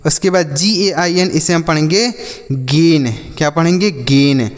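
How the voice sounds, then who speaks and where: High-voiced male teacher drilling phonics. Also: in a large hall. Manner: slow, repeats words and asks the class back. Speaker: English teacher. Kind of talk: phonics lesson for children.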